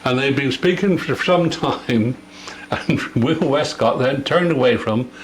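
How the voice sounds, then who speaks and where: A man's voice: mid-range voice, a little slow. An older man from rural Devon chats and reminisces in old West Country dialect with a Devon accent. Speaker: local villager being interviewed. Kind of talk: casual reminiscing chat. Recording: echoey room, faint background noise.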